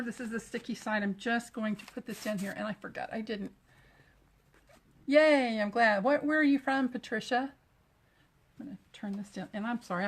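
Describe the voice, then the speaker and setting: A chatty middle-aged woman from Texas talks viewers through a craft project on a live stream, greeting them by name while her hands stay busy. Her voice sits at an ordinary pitch for a woman. A faint hiss runs under the recording. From Texas, USA. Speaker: craft demonstrator.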